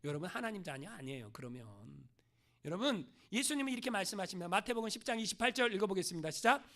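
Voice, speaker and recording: A man's voice: high voice, very animated, fast talker, pushed and bright. A male pastor preaching a sermon, pressing his points with rhetorical questions and strong emphasis.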